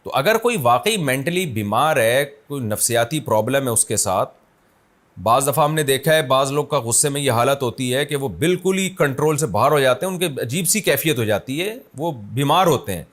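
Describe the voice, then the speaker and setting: A man's voice: medium pitch, expressive, a bit bright. A man, an Islamic scholar, answering a viewer's question in a conversational but emphatic religious lecture, explaining with everyday examples. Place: his office city.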